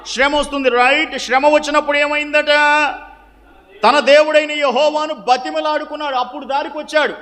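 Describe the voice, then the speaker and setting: This Bible teacher's very high, bright, forceful voice echoes with the long reverb of a big hall. He runs a question-and-answer session, posing questions to listeners, then giving the answers and hammering home key phrases through repetition.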